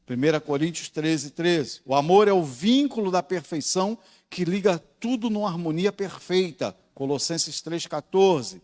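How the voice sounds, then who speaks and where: A man's voice: a little high, animated, darkish tone. Brazilian male pastor teaching a class. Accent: Brazilian Portuguese. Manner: explanatory, checks in with the class often; slows down and stresses key words. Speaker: pastor teaching a Bible course. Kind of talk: Bible study class.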